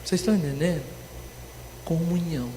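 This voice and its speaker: A man with a fairly high voice teaches at a church seminar in a sermon style. He keeps checking in with his listeners through rhetorical questions. The sound carries a long church reverb with a faint room ambience behind him. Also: a little fast, warm tone, a little hiss or hum.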